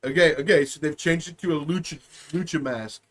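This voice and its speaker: A man's voice: on the high side, a little fast. A man from Pittsburgh co-hosting a crude comedy podcast, rambling and profane, laughing often. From Pittsburgh, USA. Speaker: podcast co-host.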